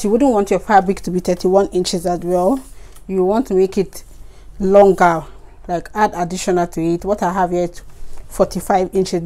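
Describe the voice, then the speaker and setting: A woman's voice: lowish voice, dark tone. A woman hosting a craft channel, talking through a sewing tutorial in a casual, chatty way, with a tired voice and instructions she repeats. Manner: chatty, repeats instructions, frequent "okay" and "so guys".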